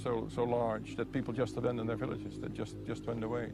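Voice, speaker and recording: A man's voice: mid-range voice, little pitch movement, brisk. A man speaking as an expert in an unscripted documentary interview, hesitant and often repeating words. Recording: clear background ambient noise.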